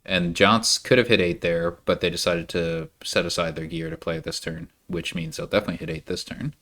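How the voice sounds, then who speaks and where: A man gives casual live commentary on a card game, staying animated and quickly breaking into high-pitched reactions.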